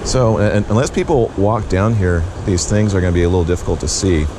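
Male host, deep voice, rambling on-scene narration, outdoor camera audio with clear wind noise. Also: a little fast. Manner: relaxed, rambling with many fillers and restarts. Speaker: news videographer and show host. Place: outdoors on a windy beach bluff. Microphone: handheld action camera.

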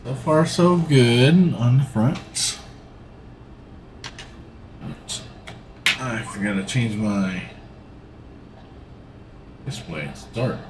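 In a noisy background, a middle-aged man with a mid-range voice speaks very slowly and pauses often. He rambles in an easygoing way as he plays a farming game on a home livestream, seated in a gaming seat.

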